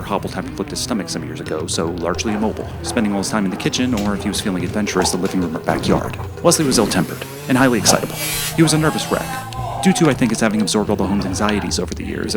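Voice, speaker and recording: A man narrating his own documentary in a dry, wry, mock-serious voiceover. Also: deep voice.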